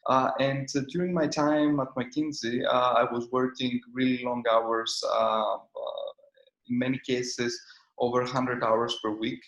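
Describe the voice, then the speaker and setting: A man's voice: medium pitch, flat delivery, unhurried, a bit bright, echoey room, dull audio. A man in his thirties from Greece with a Greek accent, a company founder answering interview questions with many hesitant fillers. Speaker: startup founder and CEO. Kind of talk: conference interview.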